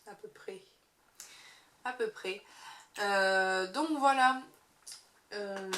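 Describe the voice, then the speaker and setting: Slow, hesitant woman vlogger. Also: medium pitch, fairly bright tone, a little hiss or hum. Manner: hesitant, many fillers. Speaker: beauty vlogger. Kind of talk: casual monthly favorites review. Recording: echoey room.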